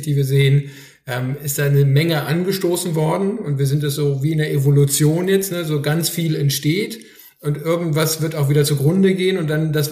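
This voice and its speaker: A man speaks with a fairly high, steady voice that barely rises or falls. He explains things in a measured way with many hesitant fillers. His voice comes from a roomy, echoey recording. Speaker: expert jury member. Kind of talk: podcast panel discussion.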